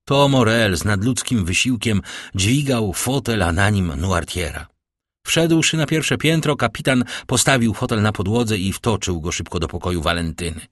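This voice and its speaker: Male audiobook narrator, low pitch, dry close sound, measured dramatic reading. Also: expressive, fairly bright tone, no room sound. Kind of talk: scripted narration of a classic novel.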